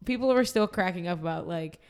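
A woman's voice: fairly low pitch, animated, a little fast, clear, resonant tone. A young woman hosting a casual faith podcast, chatty and upbeat with frequent laughter. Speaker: podcast host.

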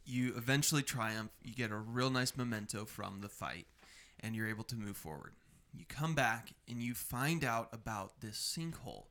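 A man with a middle-pitched, bright and smooth voice hosts a tabletop role-playing game. He talks to the players as game master, walking them through the story. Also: expressive, normal speed. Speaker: game master and show host.

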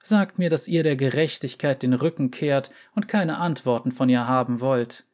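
A man reading an audiobook story, voicing a calm, unsettling female runesmith who speaks with measured authority. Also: mid-range voice, lightly acted. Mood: calm, authoritative.

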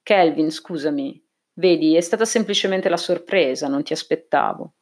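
A woman voicing Snout, a croaky, frightened old scientist. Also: low-pitched, darkish tone. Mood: apologetic. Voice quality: croaky, hoarse. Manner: suspicious, nervous, halting. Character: frightened, hostile aging male station scientist. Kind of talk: audiobook character reading.

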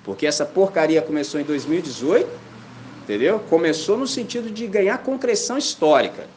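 A man with a Brazilian Portuguese accent preaching a sermon as a pastor, acting out conversations in shifting voices. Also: a little high. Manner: animated, acts out dialogues in shifting voices.

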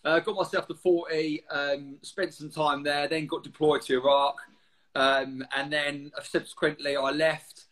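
A man in his forties with an Essex accent and a slightly high-set voice. He chats informally in an interview, telling stories in blokey slang with the odd swear word. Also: little pitch movement, a little slow, fairly bright tone, low-quality recording. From Essex, England. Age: 40s. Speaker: guest, former military serviceman. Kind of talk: casual anecdotal interview chat.

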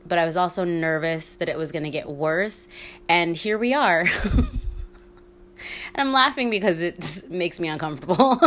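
Here the host is a woman in her thirties talking alone on her podcast in a rambling, open way, full of swearing and frequent laughter. The voice leans low but has a fairly bright quality.

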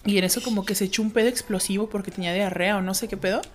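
A young woman in her twenties with a Mexican accent, telling animated, slangy stories in a casual chat. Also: mid-range voice, racing, slight background noise. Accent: Mexican Spanish.

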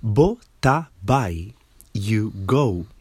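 Slow, husky-voiced man teaching words. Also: lowish voice, sing-song, darkish tone, dry recording. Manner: patient, repeats words slowly and stresses syllables. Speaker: language teacher. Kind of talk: slow spoken language lesson.

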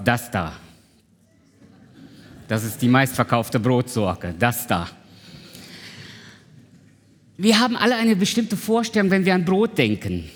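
A man preaching a sermon to a congregation, conversational and often asking his listeners questions. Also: mid-range voice. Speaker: pastor. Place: church hall. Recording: reverberant church hall.

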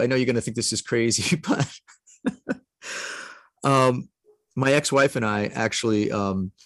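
A man's voice: medium pitch, dry recording, clean studio sound. A middle-aged man sharing a heartfelt personal story as a podcast guest, earnest and emotional, laughing often.

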